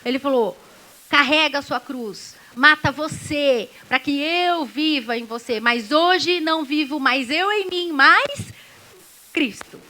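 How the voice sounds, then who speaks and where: A woman's voice: sits high, slow, bright, forceful tone, low-quality recording. A woman pastor with a Brazilian Portuguese accent, preaching a sermon in a conversational way that acts out little dialogues.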